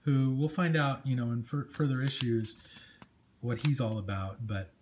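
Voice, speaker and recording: Flipping through the pages, this comic book show host talks in a friendly, excited way with a slightly mellow, mid-range male voice at a moderate speed. Room ambience and obvious noise mark it as an amateur recording.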